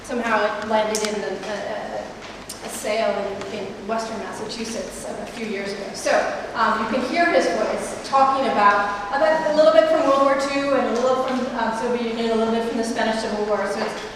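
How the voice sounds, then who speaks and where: Speaking a little fast with fairly even intonation, a curator in her thirties tours a large indoor gallery, chatty and full of ums and restarts as she walks and gestures. Her fairly high voice plays through a handheld mic and loudspeaker, picked up by a distant camera. The room echoes and there is background noise.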